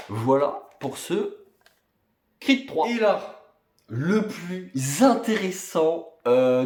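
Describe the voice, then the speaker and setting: A man's voice: medium pitch, darkish tone. Chatty man in an echoey room. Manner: chatty, rambling, many fillers and restarts. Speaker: collector vlogger. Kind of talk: casual unboxing show-and-tell.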